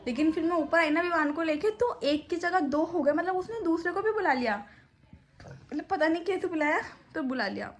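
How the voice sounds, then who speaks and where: A woman's voice: extremely high pitch, lively intonation, brisk. A young woman vlogging in chatty talk on a handheld phone, mixing English words into her speech. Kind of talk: casual vlog chat.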